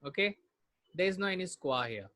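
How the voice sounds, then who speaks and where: Indian english teacher guy, bright sharp voice, says words slow n stretched for students. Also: high-pitched, lively intonation. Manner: drills words slowly, mixing Hindi and English. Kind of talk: online spoken-English class.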